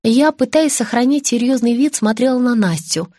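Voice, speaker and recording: A woman reads a first-person novel aloud in a wry, ironic audiobook style. Her voice is fairly high. It is recorded close and dry, with no room sound. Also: normal speed, mellow, dry recording. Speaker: narrator. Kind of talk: scripted audiobook narration.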